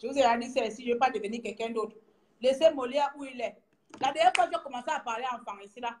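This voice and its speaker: A middle-aged woman from Gabon with a Gabonese French accent, teasing her viewers in a lively casual vlog, laughing often and trailing off as she searches for words. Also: a little high, fast talker, noisy background. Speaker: vlogger. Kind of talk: casual mocking commentary to viewers.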